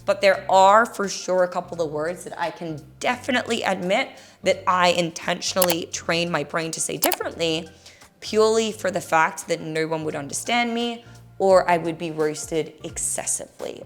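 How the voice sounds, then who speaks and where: A young woman from Australia with a mixed Australian and American accent, frankly answering viewer questions in a casual vlog. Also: fairly low pitch. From Australia, Gold Coast. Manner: candid, frank, chatty.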